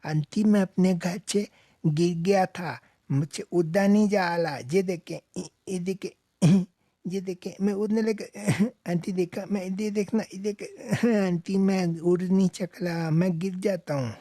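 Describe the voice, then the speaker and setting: A man doing a high, whiny baby chick. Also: steady tone, unhurried, dark tone, no echo, studio quality. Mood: worried. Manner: childish, whiny, chirpy. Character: small lost baby chick, naive boy. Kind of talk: cartoon voice acting.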